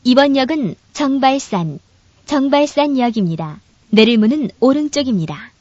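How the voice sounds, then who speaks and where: A woman delivers formal train station announcements in a high, very melodic voice. Her phrasing is courteous and scripted. The recording is dry and somewhat muffled, like an archived lo-fi tape. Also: lively intonation, normal speed, a little mellow, no echo.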